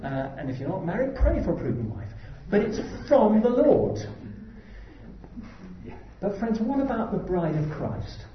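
A man's voice: high-pitched, huge pitch swings, measured pace, slight background noise. A man preaching a sermon in an earnest, exhorting way, rising to emphatic peaks. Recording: dull roomy hall recording.

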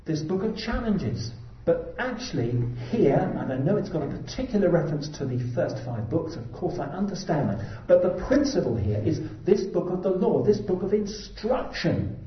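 A man's voice: on the high side, very animated, normal speed, hardly any pauses. A man preaching a sermon in an earnest, exhorting way, rising to emphatic peaks. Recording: dull roomy hall recording.

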